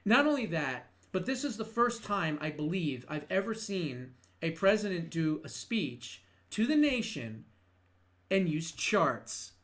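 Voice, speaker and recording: A man's voice: sits high, big pitch swings, a little slow, a bit bright. A middle-aged man hosting a political commentary show, talking in an emphatic, sarcastic way with mocking rhetorical questions.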